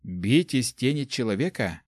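A man's voice: mid-range voice, animated, measured pace, a little mellow, breathy edge, dry recording, studio quality. Curious young light mage Ari, read by a man.

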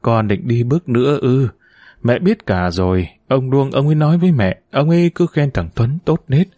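A man's voice: mid-range voice, lively intonation, moderate pace, warm tone, dry recording, studio quality, natural voice. A man reading the part of a frail, grieving old mother who speaks weakly and laments in a storybook reading. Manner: weak, moaning, lamenting.

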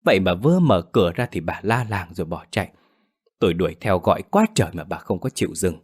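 A man's voice: deep voice, animated, fast talker, slightly rough. A man voicing a blunt middle-aged village neighbor who asks chiding questions.

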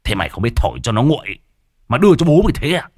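A man voicing a bedridden, brutal husband and village thug who barks out abuse, louder and faster than his storytelling voice. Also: lowish voice, animated, breathy edge, no room sound, studio quality. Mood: angry bellowing. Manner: barking, abusive.

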